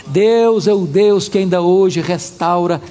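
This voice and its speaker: A male pastor preaching a sermon with animated, humorous storytelling. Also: sits high, slow pace, in a large hall.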